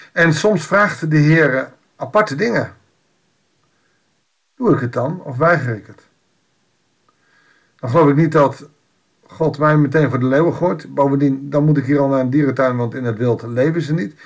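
A man's voice: mid-range voice, moderate pace, long pauses. A man giving an informal Bible devotional, reading a passage aloud and explaining it in a conversational way with wry asides.

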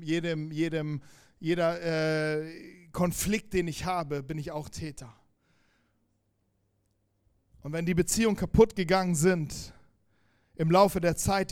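A man preaching a sermon, emphatic and direct, turning quiet and intense as he goes. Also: a little high.

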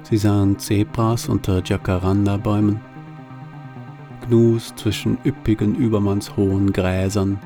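A man reading a novel aloud in a dry, deadpan storytelling manner. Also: on the low side, unhurried, over music. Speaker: narrator. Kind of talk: audiobook reading.

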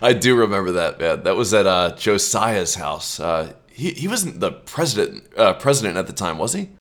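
A man's voice: low-pitched, very animated, normal speed, a bit bright. A man in his late twenties from the United States, hosting a casual podcast chat and joking around with a lot of swearing. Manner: joking, profane, laughs often. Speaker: podcast host.

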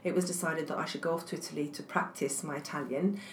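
In an interview, a lowish-voiced woman guest, an academic from England whose first language is French, gives considered answers punctuated by plenty of ums and restarts. Her intonation stays fairly even, and a roomy echo and faint hiss sit under the audio.

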